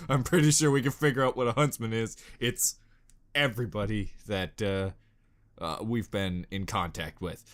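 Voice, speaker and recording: A reaction video host with a fairly low, evenly intoned voice speaks at a moderate pace. His commentary is casual and jokey, laced with sarcastic remarks and mild swearing.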